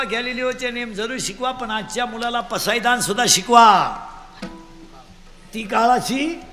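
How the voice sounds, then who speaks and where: A man giving a comic devotional sermon, teasing the crowd and shouting questions for them to answer. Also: very high-pitched, a little hiss or hum. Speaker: kirtan preacher. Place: live gathering.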